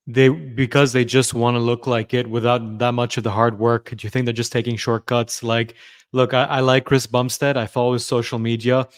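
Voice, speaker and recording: A man's voice: medium pitch, clear, resonant tone. A young man hosting a podcast, talking conversationally and building his points step by step before asking his guest questions. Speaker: podcast host. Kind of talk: casual podcast interview.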